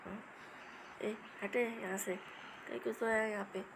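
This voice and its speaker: A woman's voice: mid-range voice, steady tone, measured pace, noisy background. A woman giving a comic voice-over to pet clips, scolding and coaxing the animals in a playful way. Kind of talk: comic voice-over talking to pets.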